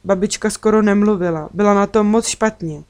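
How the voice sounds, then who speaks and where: A woman's voice: medium pitch, darkish tone, close to an everyday voice. A woman voicing a serious, worried young girl in a children's storybook reading.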